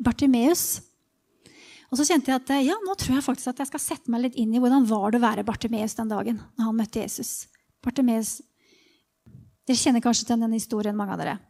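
High-voiced woman preaching informally. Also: dark tone. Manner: informal and hesitant, with many fillers. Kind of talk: sermon talk to a congregation.

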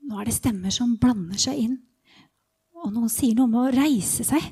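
A blind beggar man , voiced by a woman, thinks aloud in a hushed first-person monologue, often slipping into a whisper. The voice sits high. It belongs to a guided Bible meditation. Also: husky. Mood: hopeful. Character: blind male beggar longing to be healed.

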